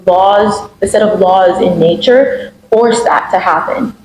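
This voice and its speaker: Mellow young woman, echoey room. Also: medium pitch, takes it slowly. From Miami, United States. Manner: articulate, builds on others' points. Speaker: guest. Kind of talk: casual discussion.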